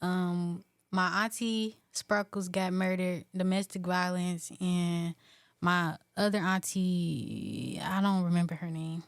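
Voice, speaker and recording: A woman's voice: on the low side, slow, no echo, clean studio sound. A young woman from Chicago and Atlanta, a guest on a casual podcast, talking in a laid-back, joking way.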